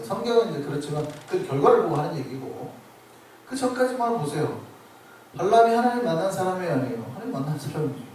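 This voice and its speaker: A man's voice: high-pitched, a little mellow, very echoey, a little hiss or hum. A male pastor preaching a sermon emphatically, putting questions to the congregation, recorded from far off in a church sanctuary.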